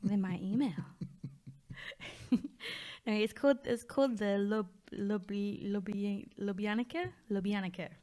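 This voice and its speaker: A woman's voice: mid-range voice, takes it slowly, pauses often, warm tone. A woman co-hosting a travel podcast, chatting casually and supplying the practical details in a matter-of-fact way. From United Kingdom.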